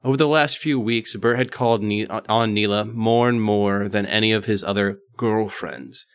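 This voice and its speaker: A man co-hosting a podcast, reading a romance novel aloud, stumbling and correcting himself with quick asides. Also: on the low side, smooth, dry recording. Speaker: podcast co-host.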